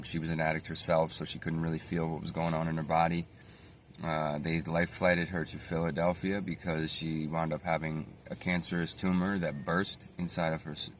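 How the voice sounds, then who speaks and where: A man with a very deep, low voice tells his own story in an unscripted, meandering way. He stops to correct himself, backs up and fills gaps with "um". A faint hum of noise runs under him. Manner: rambling, halting, with frequent fillers and self-corrections. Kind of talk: casual spoken storytime.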